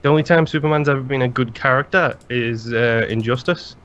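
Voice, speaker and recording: A man's voice: medium pitch, brisk. Chatty Englishman on a lo-fi podcast mic. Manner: rambling, animated, swears freely. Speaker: podcast co-host. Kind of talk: casual chat. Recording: slightly dull lo-fi sound.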